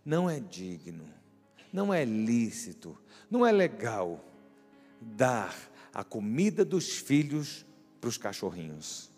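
A man's voice: mid-range voice, sing-song, slow pace, darkish tone. A man voicing a stern, blunt Jesus who answers curtly and dismissively, in an echoey hall with music behind. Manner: curt, dismissive.

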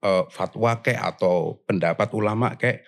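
A man in a casual panel discussion, explaining his views in a measured way, often pausing and restarting. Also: lowish voice, gravelly.

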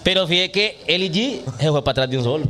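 A man's voice: high voice, animated, fast, background noise. A man in his thirties co-hosting a podcast, teasing and joking in casual chat. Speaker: podcast co-host.

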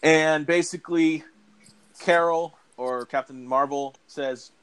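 A man's voice: on the high side, fairly even intonation, slow pace, a bit bright, clean tone. A man hosting a podcast, recapping a movie in a rambling casual way, full of fillers and restarts, with audible breathing. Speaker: podcast host.

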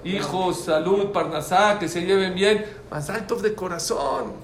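A man teaches a religious class, speaking emphatically, repeating key phrases and putting questions to his students. His voice sits high and his pace is measured, in an echoey room with faint background noise.

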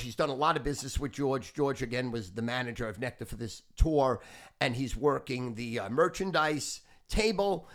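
A man's voice: mid-range voice, sharp tone. A man in his fifties hosting a podcast, telling rambling, boastful stories full of swearing. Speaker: podcast host. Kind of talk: casual storytelling.

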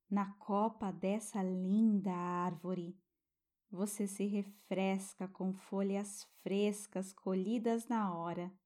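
Slow, soothing Brazilian woman, sleep story narrator. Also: mid-range voice. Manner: gentle, hushed, breathy pauses, tender diminutives. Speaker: children's meditation guide and narrator.

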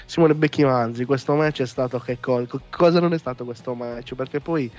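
A man hosting a casual talk show, ranting in an animated, exasperated way and swearing freely. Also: medium pitch, fairly quick. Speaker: podcast host. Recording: muffled lo-fi audio with music behind. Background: background music.

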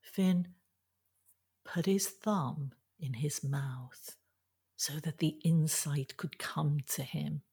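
A woman telling a folk tale aloud, expressive with dramatic pauses. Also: low-pitched, husky. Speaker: storyteller. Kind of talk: oral folk-tale storytelling.

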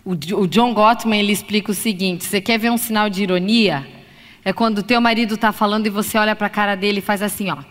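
A woman's voice: medium pitch, quick pace. A woman psychologist giving a live lecture to an audience, talking expressively and acting out examples. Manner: expressive, acts out examples in voices. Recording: long reverb of a lecture hall.

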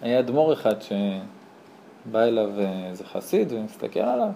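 A man, a rabbi, teaching a lively Torah class to a small live audience, telling stories, acting out dialogue and asking his listeners rhetorical questions. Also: fairly low pitch, vocal fry, slight background noise. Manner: animated storyteller who acts out dialogue.

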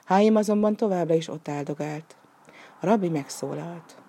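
A woman narrating a story in a steady, expressive reading style. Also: lowish voice, slightly rough.

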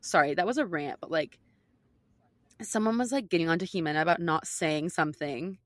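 A woman's voice: on the low side, fairly quick, no room sound. A woman co-host talking casually and giving her opinions emphatically, peppering her sentences with "like". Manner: emphatic, heavy use of "like".

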